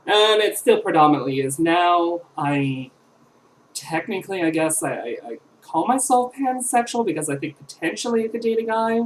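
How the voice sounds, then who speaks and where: A woman's voice: on the low side, animated, normal speed, a little hiss or hum, low-quality recording. A woman in her twenties chatting casually to camera as a vlogger, rambling with fillers and self-corrections. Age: 20s.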